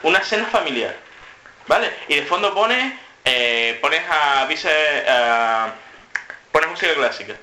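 A man's voice: a little high, expressive, slow pace, pushed and bright. A man co-hosting a podcast, leading the chat and explaining with examples. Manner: explains with examples, leads the talk. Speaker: podcast co-host. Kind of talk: casual roundtable chat. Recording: echoey room with faint hiss.

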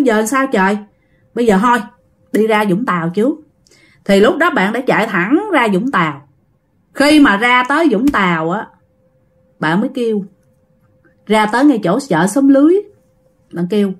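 A woman with a Southern Vietnamese accent casually telling a ghost story and talking directly to her listeners. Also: a little high. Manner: chatty, addresses listeners directly.

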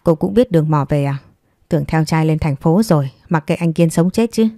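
A woman's voice: low voice, brisk, warm tone, no room sound, clean studio sound. A woman voicing a provocative young woman who taunts and sneers. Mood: taunting.

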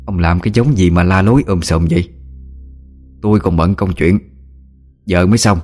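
A man voicing a sharp-tongued, irritable older wife who snaps back and nags in a story reading. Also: low-pitched, normal speed, soft background music. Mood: snappish. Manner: scolding, snappish.

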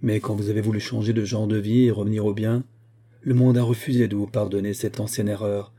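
A male audiobook reader voicing a devoted young woman who speaks gently and pleads with her father. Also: fairly low pitch, flat delivery, a little fast, natural voice. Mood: hesitant.

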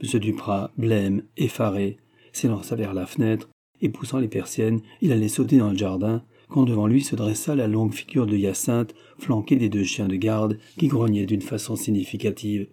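An audiobook reader narrates a classic novel in a measured, even manner. His voice is low and dark, with a husky grain, and the narration is scripted.

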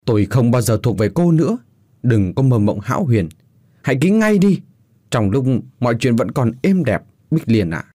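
A man's voice: mid-range voice, big pitch swings, normal speed, dark tone, no room sound, clean studio sound. A man playing a cruel, cold husband who speaks in harsh, commanding threats.

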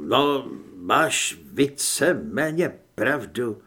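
A man's voice: mid-range voice, animated, husky. A man reading an audiobook, voicing a stubborn, idealistic young male reporter who argues emphatically. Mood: hesitant.

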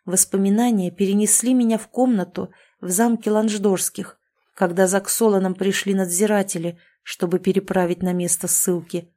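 A woman's voice: medium pitch, fairly even intonation, normal speed, dark tone. Woman reading a fantasy story aloud. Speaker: audiobook narrator. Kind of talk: first-person fiction narration.

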